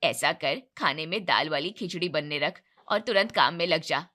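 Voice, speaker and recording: Casting: domineering older mother-in-law read by a woman narrator, low commanding voice, bright edge. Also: moderate pace. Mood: bossy.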